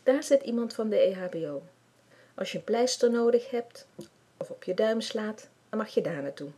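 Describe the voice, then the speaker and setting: A woman voicing a friendly grown man who leads a children's building club and calls out loudly to the group. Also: mid-range voice, animated, moderate pace, pitched above the performer's own voice, close to an everyday voice. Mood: cheerful.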